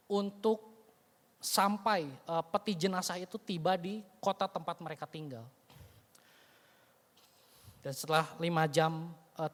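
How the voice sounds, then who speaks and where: An evangelist preacher in a church sanctuary delivers a sermon, his voice high-pitched and fairly bright. He tells the story conversationally and dramatically, tossing in frequent casual tags like "you know." The recording carries the long reverb of a church hall.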